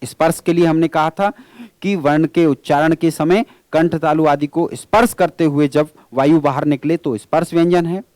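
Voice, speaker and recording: A man's voice: on the high side, fairly even intonation, moderate pace, darkish tone, no echo. A male teacher giving an exam-prep grammar lecture. He asks questions and answers them himself, and he calls his listeners friends.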